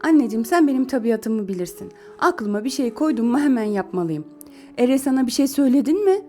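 A woman's voice: a little high, sing-song, fast talker, a little mellow, soft background music. Woman voicing an impatient young man, pushy and eager. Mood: insistent. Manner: urgent, insistent.

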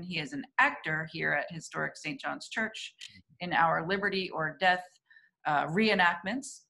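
A woman interviewer reading a guest introduction in a crisp, scripted way. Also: on the low side, fairly bright tone. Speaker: interviewer, foundation staff.

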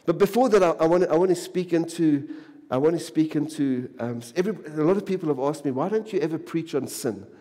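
A pastor preaching a sermon, repeating phrases for emphasis and dropping to a hush on key lines, from South Africa. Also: male voice, on the high side, fast talker. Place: church sanctuary. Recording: long church reverb.

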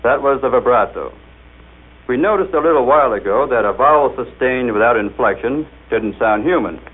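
An American man speaks as a 1930s demonstration presenter, formal and showmanlike, at an average pitch. The recording is tinny and narrow, like an old radio broadcast. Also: animated, moderate pace, slightly rough.

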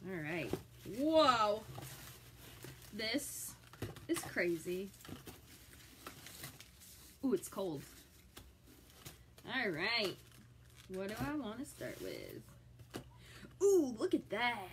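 A woman's voice: mid-range voice, wildly swooping pitch, extremely slow, pauses often, fairly bright tone, slight background noise. A middle-aged woman chatting with viewers as she unboxes a subscription box, enthusiastic and reacting aloud. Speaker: vlogger reviewing a subscription box. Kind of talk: live unboxing chat with viewers.

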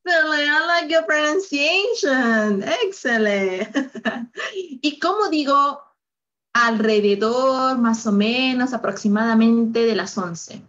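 A woman's voice: high voice, animated, slow, a bit bright, highs cut off. A woman teaching a live online English lesson, upbeat and full of praise, switching between Spanish and English.

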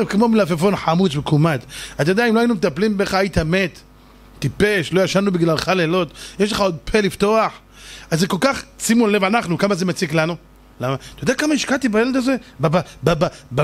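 A man, a rabbi, giving an animated sermon that swings between loud outbursts and low, slow stretches.

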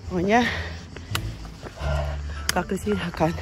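A woman's voice: on the low side, fairly even intonation, slow pace. A woman in her thirties hiking and talking to her phone camera, chatting casually and switching between two languages, a bit out of breath from the climb. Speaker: travel vlogger. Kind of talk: casual vlog chat. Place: outdoors on a mountain trail. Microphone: phone camera at arm's length. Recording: phone video outdoors with music underneath. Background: background music.

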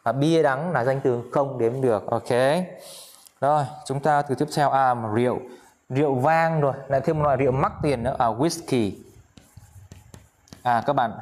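A man with a mid-range voice and a moderate pace teaches English vocabulary in a casual lesson. He repeats each word several times and chats with viewers between words.

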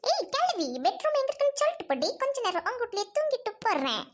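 A woman's voice: very high voice, very animated, fast talker. A woman voicing a greedy, gluttonous, rude woman guest in a Tamil cartoon, speaking with a Trichy accent. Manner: squealing, gobbling, demanding. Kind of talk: cartoon voice acting.

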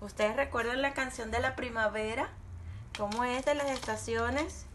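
A woman's voice: on the high side, steady tone, normal speed, a bit bright, slight background noise. A woman teaching little children, talking patiently and repeating words for them to say back. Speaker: preschool teacher. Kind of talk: slow gentle lesson for young children.

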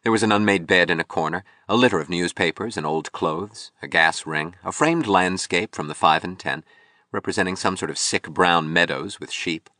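A man narrating an audiobook novel in a measured, expressive storytelling manner. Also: deep voice, dry recording, clean studio sound.

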